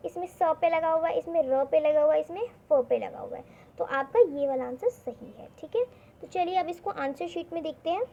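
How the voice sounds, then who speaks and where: High gravelly woman teacher, lo-fi. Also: mellow. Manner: explains step by step, repeats words and asks the class questions. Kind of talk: worksheet lesson for children. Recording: dull lo-fi recording with faint noise.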